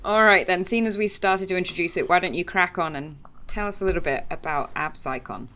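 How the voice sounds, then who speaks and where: Female podcast host, British accent, slightly low pitch, casual chat. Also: brisk, pushed and bright. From Britain. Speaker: podcast host, exoplanet researcher.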